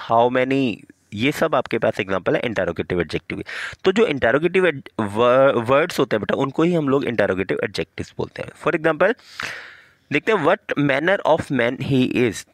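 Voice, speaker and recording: A man's voice: medium pitch, no room sound. Man teaching grammar in Hindi. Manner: explains step by step, addresses listeners as "beta"; asks rhetorical questions then answers them. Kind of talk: Hindi-language grammar lesson.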